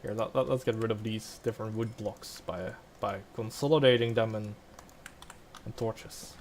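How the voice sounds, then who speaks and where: A man's voice: lowish voice, fairly even intonation, normal speed, a little mellow, slight background noise. A young man casually rambling over gameplay, full of likes and restarts. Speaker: gaming vlogger.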